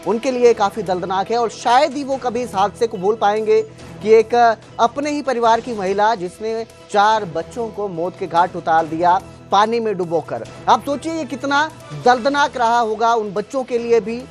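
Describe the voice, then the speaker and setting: Breaking news सुनाती महिला, पीछे तेज़ संगीत. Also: female voice, on the high side. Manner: sensational, emphatic, repetitive. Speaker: news presenter. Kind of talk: breaking news reporting, dramatic narration.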